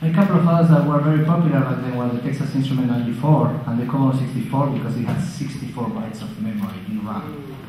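A man's voice: mid-range voice, fast, few pauses, mellow, slight background noise. Argentine man lecturing in an echoey hall. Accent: Argentine Spanish. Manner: friendly, joking with the audience. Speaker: guest speaker. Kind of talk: lecture talk. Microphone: handheld mic. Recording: very echoey hall, dull sound.

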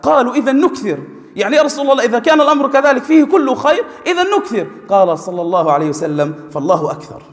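A man preaching a Friday sermon in a mosque, fervent and building to emphatic, near-shouted exhortations. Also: extremely high pitch, very animated, very fast. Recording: long hall reverb.

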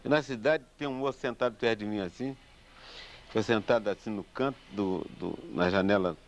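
A man's voice: on the low side, moderate pace, slight background noise. A man with a Brazilian Portuguese accent, a samba composer, telling a story casually and acting out the people in it. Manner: animated, acts out the people in his story. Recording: dull lo-fi recording with faint guitar.

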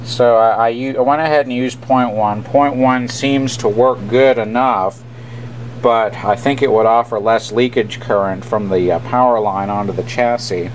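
A man talks at a normal speed in a medium-pitched voice while presenting his radio repairs at an indoor workbench. He explains the hands-on work casually, matter-of-factly and without a script. Steady hum and room noise can be heard.

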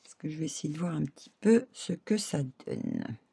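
A middle-aged woman talks viewers through a craft project in a chatty, casual way. Her voice is husky and gravelly, with a dark, low tone. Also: huge pitch swings, normal speed. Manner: chatty, laughs often, addresses viewers directly. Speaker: craft tutorial host. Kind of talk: casual craft tutorial talk.

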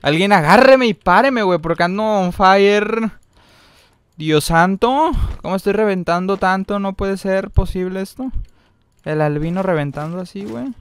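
A young man with a Mexican Spanish accent giving casual gameplay commentary, full of slang and breaking into loud excited yelling. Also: sits high, moderate pace, smooth, no room sound. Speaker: gaming streamer.

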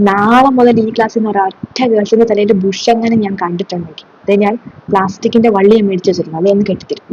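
A woman's voice: medium pitch, steady tone, fast, darkish tone, lo-fi sound, a little hiss or hum, natural voice. A woman playing a strict schoolteacher who lectures and scolds her class sarcastically. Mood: stern. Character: strict scolding female schoolteacher, middle-aged. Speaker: comedy sketch creator. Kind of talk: solo comedy sketch.

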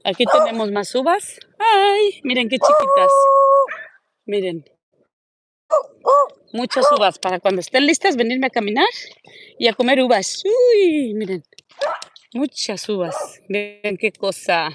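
A woman chatting casually into her phone while she walks outdoors, and she coos in a high voice at the dogs she passes. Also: big pitch swings, measured pace, pauses often, slight background noise. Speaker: vlogger. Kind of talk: casual walking vlog. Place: outdoors on a neighborhood street. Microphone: phone held while walking.

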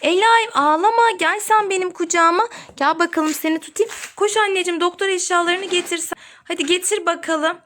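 A woman's voice: very high voice, brisk, a bit bright, a little hiss or hum. A young adult woman in a pretend play with her daughter, talking to her and the dolls in a soothing, coaxing, sing-song way. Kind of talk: playful pretend play for a children's video.

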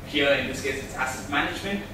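Speaking quickly from a podium in a large, echoing hall, a man presents at a tech meetup, explaining and quizzing the audience. His voice sits at medium pitch. A faraway camera microphone picks up noisy, reverberant audio.

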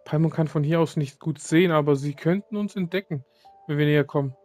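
A man's voice: on the high side, quick pace, darkish tone, soft background music, close to an everyday voice. A man reading aloud the lines of a small chatty female companion, with slips.

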